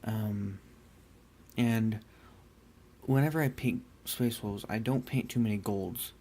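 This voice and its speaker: A young man casually talking through his hobby work, rambling and relaxed with many fillers and restarts. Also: on the low side, slow pace. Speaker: miniature painter.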